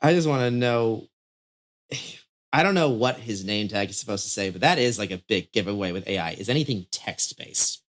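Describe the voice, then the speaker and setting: A man's voice: lowish voice, expressive, normal speed. Easygoing laughing male podcast host. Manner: laughs often, easygoing and playful; rambling, trails off mid-thought. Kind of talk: casual podcast chat.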